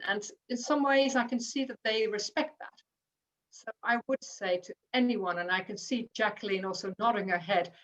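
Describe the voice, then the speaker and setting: A woman's voice: fairly high pitch, fairly bright tone. A woman midwife leader on a panel, answering earnestly with frequent restarts. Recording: distant, dull video call audio.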